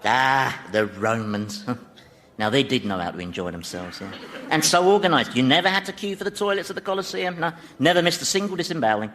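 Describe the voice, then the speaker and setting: Guy acting satan for radio sitcom, chatty n dry, pitch jumps around, bit noisy. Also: animated, a little fast, fairly bright tone, close to an everyday voice. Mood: gleeful, sardonic. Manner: offhand, conversational, hesitant, wry. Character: Satan, blasé, chatty, sardonic male ruler of Hell.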